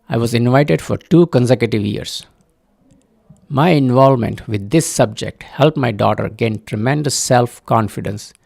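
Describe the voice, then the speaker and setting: An older man from Uganda telling a personal family story in a measured, earnest way, as scripted narration. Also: mid-range voice, vocal fry, darkish tone, breathy edge.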